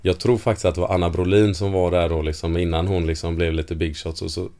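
A man in his thirties, a football player guest telling lively anecdotes in a casual interview and laughing often. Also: sits low.

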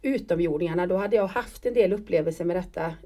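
A woman's voice: fairly low pitch, warm tone. A middle-aged woman telling a personal story in casual conversation, often stopping and restarting as she searches for words. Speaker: guest.

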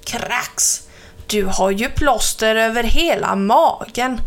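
A woman voicing a cheeky, selfish male crow in a children's story, speaking brashly and a little loudly. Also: a little high, close to an everyday voice.

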